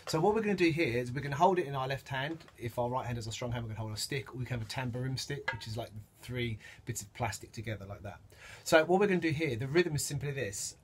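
A man's voice: mid-range voice, fast talker, slight background noise. A man teaching samba percussion, counting beats and singing the rhythms aloud as he demonstrates. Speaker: music teacher. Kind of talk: instrument demonstration lesson. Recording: loud drumming behind the voice.

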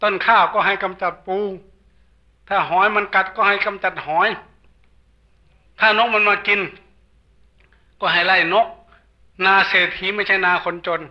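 A monk from northeastern Thailand with an Isan accent, giving a folksy sermon with a storyteller's jokes. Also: male voice, high voice, level tone, a little slow, pauses often. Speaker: Buddhist monk preacher. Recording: dull lo-fi sermon recording.

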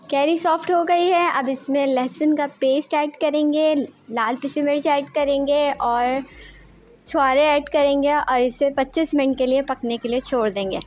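A woman giving a calm, step-by-step recipe voice-over as a cooking channel host. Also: sits high, a little slow, dry recording, faint music behind. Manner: calm, plain instructional tone.

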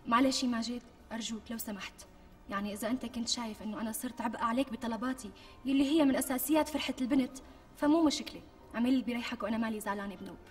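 Racing along in a high, slightly mellow voice close to her everyday one, an actress portrays a scheming fiancée with a Damascene Syrian accent in a sitcom. She coaxes and guilt-trips her husband-to-be, flaring with indignation, recorded from afar with faint music behind.

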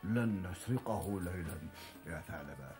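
Sly plotting market thief. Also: male voice, deep voice, expressive, normal speed, over music. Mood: conspiratorial. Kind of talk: theatrical historical TV acting in formal Arabic.

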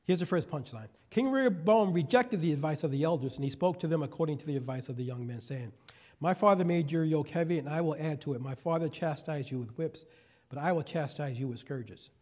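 The speaker is a male guest preacher whose voice is a little high, a little fast, and darkish in tone. His sermon moves from scripture readings to folksy explanations, with key phrases repeated for emphasis.

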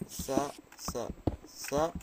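A man chatting through a game, nervous and quick to say he is scared. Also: medium pitch, very noisy. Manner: jumpy, chatty, easily scared. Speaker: gamer. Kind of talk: casual let's play commentary.

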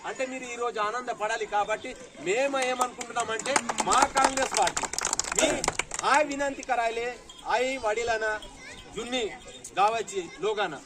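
A high-pitched man with a Telangana Telugu accent delivers a rousing stump speech outdoors in a village. He thanks local leaders and urges the crowd to back his party. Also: normal speed, long pauses. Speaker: political speaker. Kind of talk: public speech at a village gathering.

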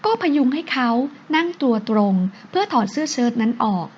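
A woman narrating a romance audiobook in a calm, even storytelling manner, her voice husky. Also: high-pitched, fairly quick, a little hiss or hum. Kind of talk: scripted narration. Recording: dull lo-fi recording.

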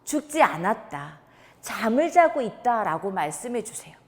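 Lively woman telling a children's Bible story. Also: a little high, moderate pace, long reverb tail. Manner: animated, sing-song storytelling, voicing characters. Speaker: children's ministry preacher. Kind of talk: storytelling sermon for young children. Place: church.

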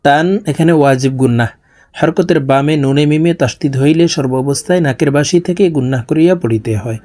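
A woman teaching Quran reading, chanting verses word by word in long drawn-out phrases and explaining the rules. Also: low-pitched, dark tone. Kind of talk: melodic Quran recitation with spoken tajweed explanations.

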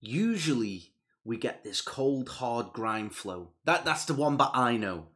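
A young man with a medium-pitched, slightly bright voice hosts a music reaction video, speaking into a headset in a small room with a gaming chair and purple lights. His delivery is sing-song and measured, casual and enthusiastic, growing earnest on serious points.

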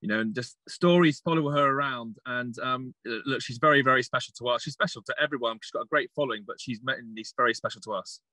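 A man who trains racehorses, answering as a guest in a halting way and often starting with "look". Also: mid-range voice, pushed and bright, no echo. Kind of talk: casual interview answers.

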